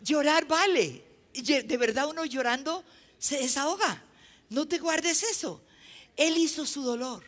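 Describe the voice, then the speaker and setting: A woman's voice: high voice, measured pace, fairly bright tone. A woman preaching a sermon, emphatic and repeating phrases for effect while telling anecdotes.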